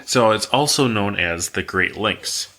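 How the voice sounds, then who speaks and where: Low-voiced man telling a creepy tale. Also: measured pace. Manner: relaxed, rambling, reads facts aloud. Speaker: podcast co-host telling the story. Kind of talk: casual podcast storytelling.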